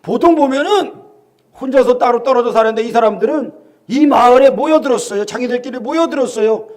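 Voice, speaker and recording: Male pastor with Gyeongsang accent, very high voice, animated storytelling sermon, shouts out quoted lines, quizzes the congregation. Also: brisk. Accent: Gyeongsang Korean. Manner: asks the congregation questions.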